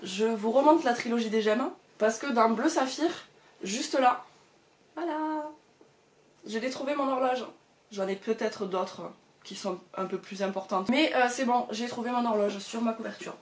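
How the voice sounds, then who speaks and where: A woman's voice: fairly high pitch, unhurried. A woman chatting casually to the camera about her books at home, with lots of hesitations and fillers. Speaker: book vlogger.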